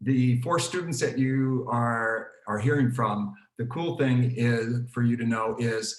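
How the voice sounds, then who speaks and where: A man's voice: mid-range voice, unhurried. Man hosting a webinar, roomy sound. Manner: relaxed, with frequent fillers and restarts. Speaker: program director hosting a webinar. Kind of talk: hosting an online panel. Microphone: video call. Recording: roomy, echoey video call.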